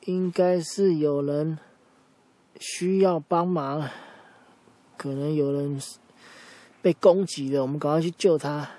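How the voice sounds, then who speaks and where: A man voicing a brave, excitable male lion who leads a team of cats in a told children's story, speaking urgently in a raised voice. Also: on the high side, slow, pauses often, dry recording.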